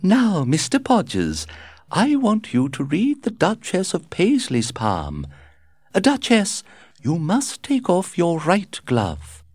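A man's voice: sits high, huge pitch swings, slow pace, darkish tone, no room sound, voice pushed up, heavily acted. A man voicing a flamboyant, gossiping society hostess in a theatrical, gushing way.

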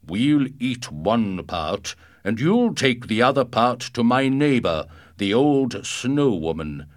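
A man doing Kotura, a booming wind giant. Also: very animated. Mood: stern. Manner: very loud, deep, slow commands. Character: male wind-lord giant, stern and commanding.

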